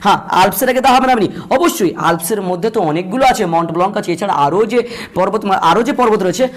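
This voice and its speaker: A man teaching a grammar lesson, repeating points and slowing down to spell out examples. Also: high-pitched. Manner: repetitive, drills points, slows to spell out examples. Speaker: English teacher.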